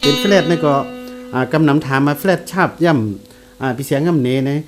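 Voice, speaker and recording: A man giving a casual guitar lesson, explaining slowly and repeating note names as he plays. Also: on the high side. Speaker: guitar teacher. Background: guitar played along.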